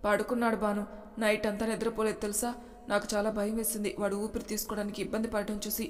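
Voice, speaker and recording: A woman's voice: mid-range voice, completely flat delivery, fast, in a large hall, lightly acted. Woman doing a blunt young brother. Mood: worried. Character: young man, protective brother, blunt and scolding.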